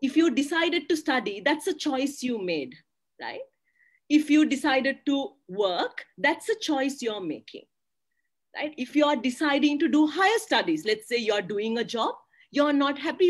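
A woman's voice: sits high, expressive, moderate pace. A woman in her thirties speaking as a panelist on a video call from a small curtained room, talking earnestly and tagging her points with "you know" and "right?". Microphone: laptop webcam on a video call.

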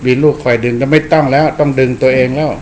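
A man's voice: mid-range voice, steady tone, quick pace, a crowd in the background. A middle-aged man chatting casually while filming a family home video, giving fatherly admonishments in short, repeated phrases. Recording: noisy amateur home video recording.

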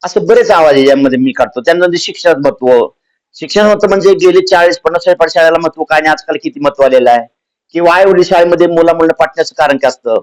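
A man's voice: fairly high pitch, low-quality recording. A man, a retired soldier giving earnest interview answers and often restarting phrases. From Sangli district, Maharashtra. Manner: earnest, repeats and restarts phrases, rises when stressing points.

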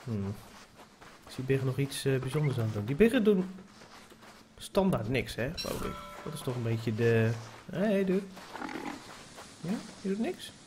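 A man with a mid-range, slightly mellow voice talks at normal speed with lively intonation and long pauses. He's a gamer streaming a survival game, casually commenting, swearing, and coaxing an in-game pig in a playful sing-song. The let's-play is recorded on a noisy home setup.

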